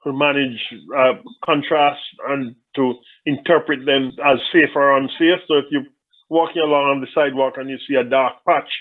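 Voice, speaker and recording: A man's voice: mid-range voice, fairly even intonation, moderate pace. A man from Jamaica, answering interview questions thoughtfully and often restarting his sentences. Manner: thoughtful, with frequent restarts and repeated words. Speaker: interview guest. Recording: tinny phone-line audio.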